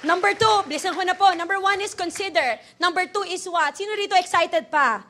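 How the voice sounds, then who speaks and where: A young woman in her twenties delivers a lively sermon in a high, bright, sharp voice. She preaches with energy, jumping into sudden loud bursts, and tells stories with laughter and acted-out quotes. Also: fairly quick, a faint crowd, slight background noise. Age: 20s.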